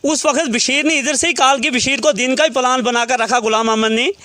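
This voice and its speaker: A man's voice: extremely high pitch, steady tone, a little fast, sharp tone, dry recording. A man, a relative of a murder victim, recounting events to a reporter in detail and quoting what each person said.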